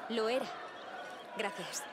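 Gentle, high-voiced teenage big sister. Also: female voice, slow, a loud crowd, very noisy. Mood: warm. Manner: gentle, teasing. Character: warm, protective teenage big sister in medieval Provence. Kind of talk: video game dialogue.

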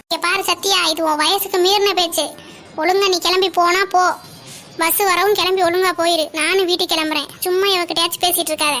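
A woman voicing a stern, sharp-tongued middle-aged mother in a cartoon, talking in a harsh, bossy scolding manner. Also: very high voice, fairly even intonation, fast, a little hiss or hum. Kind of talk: cartoon dialogue acting.

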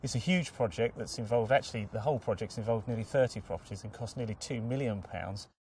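A brisk, upbeat man with an English accent rattles through his points quickly. His voice sits a little low and is picked up from some distance outdoors. A faint rumble of traffic hums behind. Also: a little mellow. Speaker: contractor manager. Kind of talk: documentary interview.

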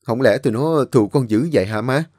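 Guy doing a sly schemer, smooth-talking, storybook voice. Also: medium pitch, brisk, darkish tone, no room sound, clean studio sound, close to an everyday voice. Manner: sweet-talking, snapping when crossed. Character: scheming middle-aged man, sweet-talking schemer.

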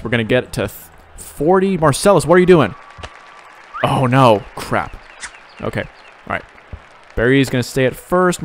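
A young man commenting live on his own video game play, excitable, with sighs and sudden outbursts. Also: mid-range voice, slight background noise. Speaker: gaming YouTuber.

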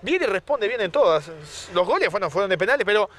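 A man's voice: sits high, sing-song, fast talker, fairly bright tone. A man calling a football match live, play by play.

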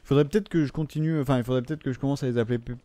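A man's voice: mid-range voice, fairly even intonation, racing, mellow, no echo. A young man with a French accent commentating his own gameplay, joking, swearing and talking to the viewers and to the game characters. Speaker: gaming commentator. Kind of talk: let's play commentary.

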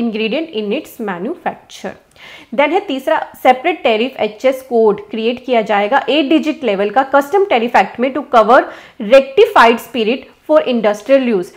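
A woman in her thirties with an Indian English accent teaches tax rules from a small office, speaking into a lapel mic. Her voice sits a little high. She reads the English passages slowly and carefully, then explains them quickly in mixed Hindi and English. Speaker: tax educator.

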